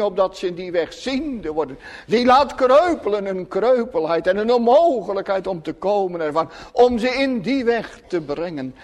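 Fervent preacher in a ringing church. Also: male voice, high-pitched. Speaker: pastor. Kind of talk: sermon. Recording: long church reverb.

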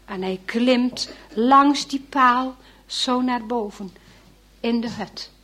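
A woman's voice: on the high side, slow pace. Woman telling a dramatic whispered children's story. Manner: dramatic, swinging between loud exclamations and hushed whispers; asks the listening children questions.

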